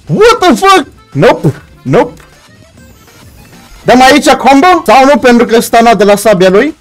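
A young man giving excited commentary over his own gameplay, shouting and laughing as fights swing and mixing in English slang. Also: very high-pitched, faint music behind. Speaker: gaming YouTuber.

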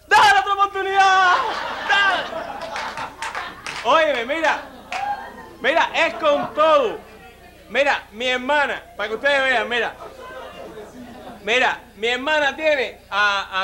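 A man's voice: sits high, pushed and bright, a little hiss or hum. A man with a Cuban accent doing a stand-up comedy routine on stage, talking straight to the audience with lots of "mira" and "listen". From Cuba. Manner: chatty, addresses the audience directly, lots of "mira" and "óyeme".

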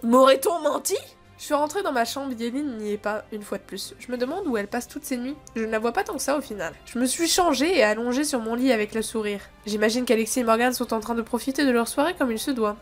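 A woman reading a dating game aloud, expressive and chatty, giggling between lines and adding casual asides. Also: a little high, fast, hardly any pauses, soft background music.

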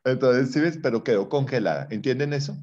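A man's voice: medium pitch, a little fast, darkish tone, lo-fi sound. A man teaching a psychology class, explaining with playful examples and teasing his students. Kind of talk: online class lecture.

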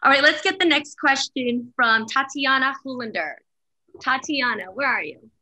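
A woman's voice: high voice, lively intonation, moderate pace, pushed and bright, rough recording. A woman moderating a press junket on a video call, upbeat and bubbly. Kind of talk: moderating a panel. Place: living room, video call.

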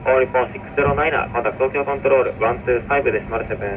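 A man's voice: mid-range voice, fairly even intonation, very fast, far from the mic. A man with a Japanese accent working as an air traffic controller, speaking clipped radio phraseology over a radio link. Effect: radio transmission. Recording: muffled, noisy aviation radio reception.

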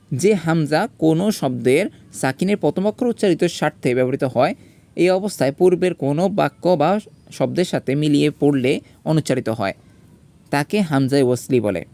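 A man gives a step-by-step grammar lesson in a mellow, slightly higher voice. He spells out each letter and vowel mark slowly. He poses his own questions and answers them at once. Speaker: teacher.

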